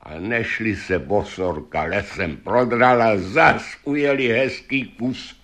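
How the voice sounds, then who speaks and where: A man's voice: lowish voice, a bit bright. Man reading a fairy tale aloud. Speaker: storyteller.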